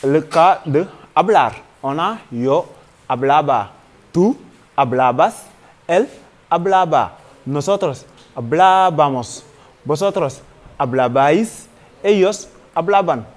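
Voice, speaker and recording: A man's voice: fairly high pitch, a little mellow. A man with a Senegalese French accent teaching a grammar lesson, patiently spelling out verb forms one by one.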